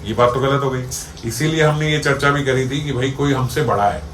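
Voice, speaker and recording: A man's voice: medium pitch, a little fast, fairly bright tone, a little hiss or hum. A man as a spiritual teacher giving a devotional discourse, explaining through everyday examples and checking that listeners follow. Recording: echoey room with faint ambience.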